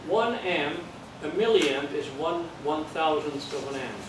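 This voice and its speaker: An older man from the Netherlands, an amateur radio course instructor, lectures on electronics in a Dutch accent with an expressive voice at a measured pace, a little high for a man. He teaches plainly and patiently, step by step, with jokes and check-ins. A far-off mic in a very echoey room catches clear background hiss.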